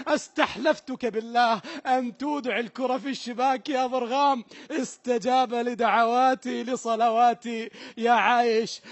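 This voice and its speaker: A man's voice: very high-pitched, dry recording. A man doing emotional live football commentary from a commentary booth, pleading and praying aloud, repeating players' names, overwrought and tearful.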